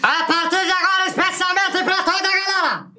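A man on helium voicing an exuberant Brazilian showman, announcing in a drawn-out, shouted way. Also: steady tone, noisy background. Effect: helium-squeaky voice.

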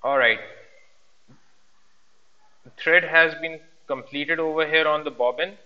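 Man, higher-pitched, instructor demonstrating step by step, switches languages, muffled recording. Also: fairly even intonation, measured pace. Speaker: sewing instructor. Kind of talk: hands-on practical demonstration, switching between two languages. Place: indoor workroom at a sewing machine. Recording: dull, reverberant room sound.

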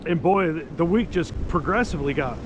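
A man's voice: on the high side, lively intonation, brisk, highs cut off. A man chatting casually and joking while hiking a wooded trail, recorded outdoors on a camera he carries. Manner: joking, laughs often. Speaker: hiking vlogger. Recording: wind noise on the mic.

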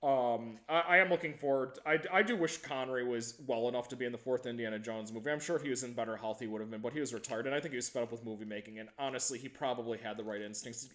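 A man's voice: medium pitch, fast, few pauses, fairly bright tone. A man hosting a casual movie review podcast, rambling with frequent stammered restarts and easy laughter. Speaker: podcast host.

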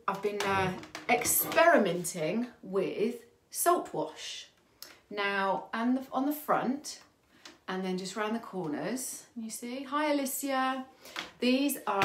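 Uk lady hosting a live paint demo, winded, saying hi to everyone, roomy echo. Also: mid-range voice. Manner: chatty, greets viewers by name. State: out of breath. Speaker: furniture painter hosting a livestream. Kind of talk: live demo chat with viewers. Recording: echoey room.

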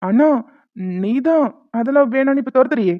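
A woman's voice: high-pitched, lively intonation, normal speed. A woman voicing a moody, teasing young husband in a homemade cartoon, talking in a sulky, scolding way. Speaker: voice actor. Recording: tinny phone-like sound.

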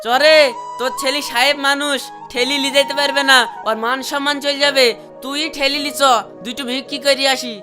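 A woman's voice: high voice, level tone, a little fast, loud music behind the voice, natural voice. A woman voicing a lame old beggar father who scolds his son in rustic speech. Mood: scolding.

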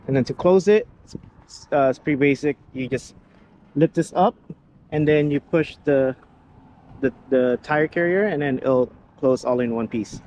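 A man with a mid-range, darkish voice speaks a little slowly as he gives a casual, rambling walkaround of the truck he built, full of fillers and restarts. He's outdoors beside the parked vehicle, with faint background noise from outside.

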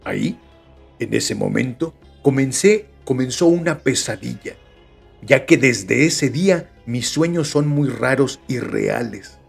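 A man's voice: mid-range voice, expressive, measured pace, creaky, breathy edge, soft background music. A man with a Mexican Spanish accent, hosting a podcast, reading listener stories aloud with chatty joking asides. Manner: chatty, joking asides between read passages. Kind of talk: casual storytelling reading.

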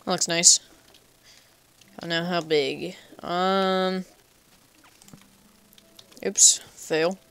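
Smooth-voiced playful young man gaming. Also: high voice, steady tone, extremely slow, pauses often, sharp tone. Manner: playful, chatty self-talk with goofy animal nicknames. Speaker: gaming channel host. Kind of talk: casual let's play commentary.

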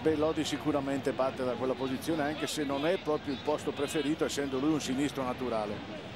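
A man analysing a live football match as co-commentator, talking conversationally and haltingly, repeating his phrases. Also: mid-range voice. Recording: very noisy stadium broadcast.

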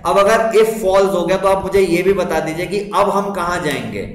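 A man's voice: sits high, normal speed. A young man with an Indian English accent teaching a live online computer class, repeating questions and praising students' answers. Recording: echoey room with faint noise.

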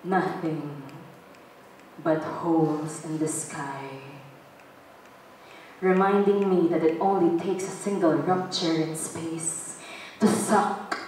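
A young adult woman performing spoken word poetry on stage, with a slow, dramatic delivery that breaks into shouted outbursts. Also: deep voice, fairly even intonation, slight background noise. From Philippines. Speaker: performance poet. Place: stage in a large hall. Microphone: stand mic, filmed from a distant camera. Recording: echoey hall from far off.

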